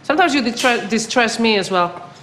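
A woman's voice: on the high side, expressive, normal speed, fairly bright tone, a little hiss or hum, low-quality recording. A woman directing a youth drama rehearsal in a theatre studio, explaining things patiently and firmly to the young performers. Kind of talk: instructing young cast at rehearsal.

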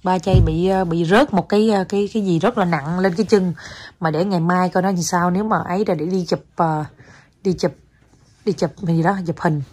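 Southern Vietnamese mother, young adult, casual home vlog host, coaxing and chatty, somewhat low-pitched. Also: steady tone, a little fast, darkish tone. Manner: coaxing, chatty, mixes in English words. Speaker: mother vlogging with her child. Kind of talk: casual family vlog chat. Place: home, indoors.

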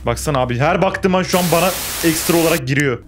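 A man's voice: fairly high pitch, fast, background noise. A young man playing a horror game, commenting on the action, getting jumpy and swearing back at the game. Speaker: gaming YouTuber.

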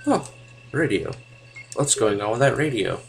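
A man's voice: mid-range voice, animated, normal speed, creaky, music in the background, low-quality recording. A young man giving casual gameplay commentary, sarcastic and joking, with the odd swear word. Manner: sarcastic, swearing, jokey asides. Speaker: let's play gamer.

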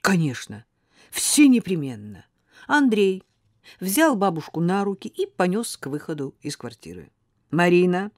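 Woman narrating an audiobook, low voice. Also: a little mellow, no echo, clean studio sound.

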